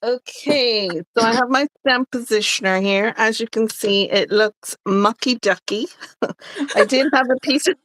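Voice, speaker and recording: A woman's voice: on the high side, a little slow, a bit bright, dry recording. A woman co-hosting a crafting livestream, talking casually through each step as she works. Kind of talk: casual chat while crafting live.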